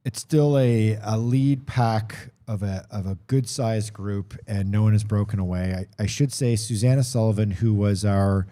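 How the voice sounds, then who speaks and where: A man's voice: fairly low pitch, steady tone, moderate pace, few pauses, warm tone. A man giving conversational live sports commentary on a race, thinking aloud and correcting himself as he goes.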